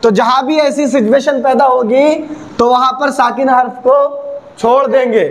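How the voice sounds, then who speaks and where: A man teaching the rules of Quran reading in a video lesson. He asks questions and answers them himself, repeats key points, and slows down to spell out the letter sounds. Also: very high voice, steady tone.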